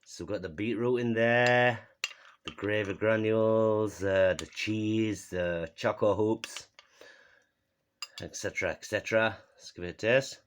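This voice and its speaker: In his kitchen at home, a jokey host with a Yorkshire accent fronts a pretend cooking show, poking fun at himself and laughing softly between lines. His voice is fairly low and evenly intoned, unhurried, with a little hiss or hum behind it.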